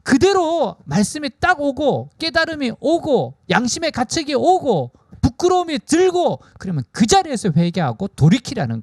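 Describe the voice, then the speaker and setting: A man preaching a sermon as a pastor from South Korea, emphatic and shifting between raised and hushed delivery. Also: very high-pitched, dry recording, studio quality.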